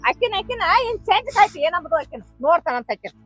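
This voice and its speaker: Fast, bright North Karnataka village woman. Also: very high-pitched, soft background music. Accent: North Karnataka Kannada. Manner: scolding, consoling, fast and lively. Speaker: mother-in-law in a village comedy skit. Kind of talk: village comedy skit acting.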